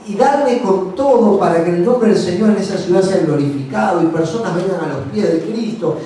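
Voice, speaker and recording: A man's voice: high-pitched, dark tone, slight background noise. A man preaching a sermon at a church service, telling stories and asking the congregation questions. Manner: storytelling, asks the congregation questions. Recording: echoey church hall from far off.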